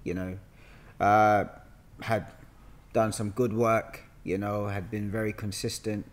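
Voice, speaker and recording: In a bright sofa-furnished room, a guest actor from London, in his thirties, recounts stories casually into a boom-mounted podcast mic. His voice sits on the low side, with a flat delivery and a slow pace.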